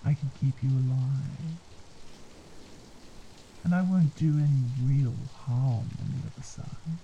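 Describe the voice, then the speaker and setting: An actor playing a sly, mocking male spirit that speaks as a disembodied voice, teasing and smooth. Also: medium pitch, takes it slowly, dark tone, lo-fi sound, a little hiss or hum, close to an everyday voice. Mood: coaxing. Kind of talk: audio drama acting.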